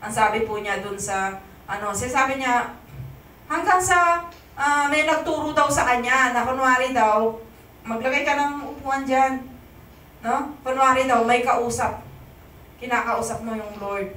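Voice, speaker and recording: A woman's voice: on the high side, measured pace, pauses often, bright, forceful tone. A Filipino woman pastor giving a conversational sermon, often asking the congregation "amen?", recorded in an echoey church hall from a distance.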